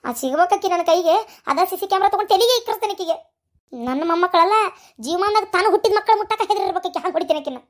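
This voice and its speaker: Lady voicing a squeaky high old granny, north karnataka accent, rattles off curses nonstop in a cartoon. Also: expressive, rapid-fire. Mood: cursing. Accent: North Karnataka Kannada. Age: older. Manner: scolding, heaping curses. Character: fiery cursing old grandmother, sharp-tongued. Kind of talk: cartoon voice acting.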